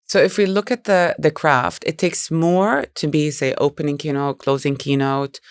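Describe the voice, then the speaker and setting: Gravelly-voiced woman, interview guest. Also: sits low, moderate pace, no room sound, clean studio sound. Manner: thoughtful, expressive, explains at length. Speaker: guest, speaker agency founder. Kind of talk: interview conversation.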